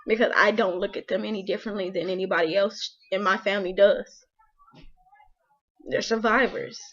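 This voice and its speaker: Emotional young mom vlogging, lo-fi sound. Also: female voice, medium pitch, fairly even intonation, normal speed, fairly bright tone. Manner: emotional, heartfelt, frequent "like" fillers. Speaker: vlogger, mother. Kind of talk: casual personal talk to camera.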